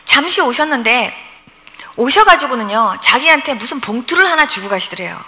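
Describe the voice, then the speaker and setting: Bright-voiced older woman preaching in a hall. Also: high voice, moderate pace. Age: 60s. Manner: lively storytelling, acts out prayers and dialogue. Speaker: pastor. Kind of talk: revival sermon testimony. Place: church revival meeting hall. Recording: long hall reverb.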